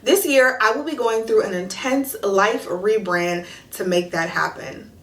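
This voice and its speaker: Energetic woman vlogger in an echoey room. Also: mid-range voice, a little slow, recorded from a distance. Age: 30s. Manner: energetic and chatty, hyping viewers up. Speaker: lifestyle vlogger. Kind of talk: upbeat direct-to-camera vlog chat. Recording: echoey room with faint music.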